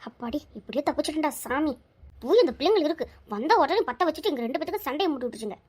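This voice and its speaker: A woman's voice: high voice, lively intonation, rapid-fire, darkish tone. A woman voicing a sly, melodramatic village wife in a cartoon, whiny. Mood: muttering.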